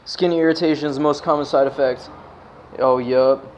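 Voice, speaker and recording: An American livestream host chats casually in a medium-pitched, darkish voice with fairly even intonation and normal speed. He's laid-back like a stoner, slangy, and swears freely, with slight background noise present.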